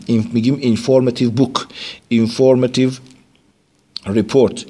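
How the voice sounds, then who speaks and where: Man, teacher type, walks the class through word forms one at a time and reads each English phrase slowly before translating it. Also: mid-range voice, warm tone. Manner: explains word forms step by step, mixes in English terms. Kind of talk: classroom vocabulary lesson.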